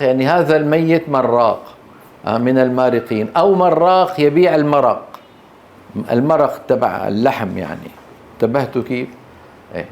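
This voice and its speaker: A man's voice: medium pitch, darkish tone. A man with a Levantine Arabic accent lecturing on Quran recitation rules. He keeps checking that his students follow, asking short questions and answering them himself. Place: teaching hall.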